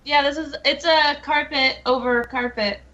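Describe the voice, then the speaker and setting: A woman's voice: high-pitched, steady tone, normal speed, pushed and bright. A young woman chatting casually on a podcast, giggly and easygoing. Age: young adult. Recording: dull mic with faint noise.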